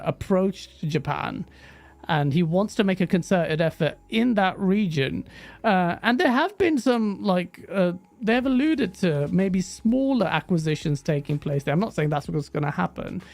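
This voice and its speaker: A woman's voice: fairly low pitch, darkish tone, no echo. A woman hosting a casual livestream chat, rambling and chatty with many fillers. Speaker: host.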